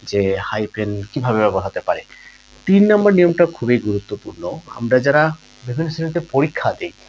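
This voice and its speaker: A man's voice: mid-range voice, darkish tone, poor audio. A man teaching a grammar lesson, patiently explaining rules with examples and often calling his listeners friends. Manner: patient, repeats key points, addresses listeners as friends.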